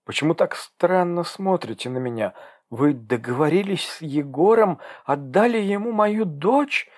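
A man's voice: mid-range voice, measured pace, close to an everyday voice. A man reading an audiobook, voicing a frightened young woman who has just given birth, with an anxious, pleading manner. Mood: desperate pleading.

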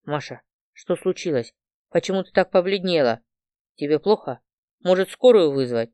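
A blunt, sharp-tongued young woman friend with a sarcastic edge, voiced by a woman reading an audiobook. The tone is smooth and clean, recorded close and dry with no room sound. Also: lowish voice, expressive, moderate pace, no echo, close to an everyday voice. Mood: worried.

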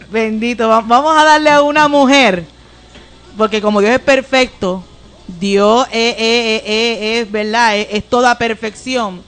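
A woman speaking as a guest on a church talk program. She talks in a casual, halting way and stumbles over fillers as she gathers her thoughts. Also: fairly high pitch, fairly even intonation, a bit bright, faint music behind. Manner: hesitant, many fillers, laughs while praising.

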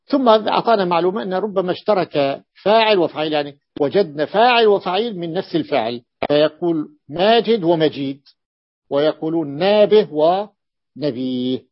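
A man teaching Arabic morphology in a classroom lecture, repeating example words slowly and checking whether his students follow. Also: a little high, lively intonation, dry recording. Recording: dull dry lo-fi recording.

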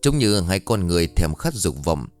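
A man narrating a dark story in a dramatic, lively storytelling manner. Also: low-pitched, moderate pace, soft background music.

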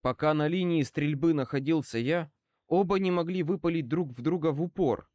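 Brisk male audiobook narrator, dry sound. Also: fairly high pitch, darkish tone, no room sound. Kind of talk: first-person audiobook narration.

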